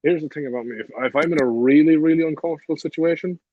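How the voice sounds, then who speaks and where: In rapid-fire, fairly high-pitched speech, a late-teen young man guesting on a podcast laughs his way through a casual story, blunt and full of profanity. The recording sounds dry, dull, and lo-fi.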